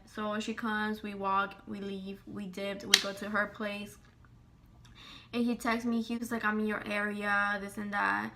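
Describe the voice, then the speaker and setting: A woman vlogger telling a storytime in casual, profane, rapid speech, acting out the dialogue. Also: mid-range voice. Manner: profane, rapid, animated retelling with quoted dialogue.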